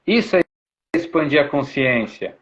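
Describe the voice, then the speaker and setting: A man's voice: a little high, expressive, normal speed, a bit bright. A man giving an informal spiritual talk, explaining patiently and repeating himself, with frequent tag questions. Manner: repetitive, explanatory, uses many tag questions. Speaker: spiritual speaker. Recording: dull lo-fi sound.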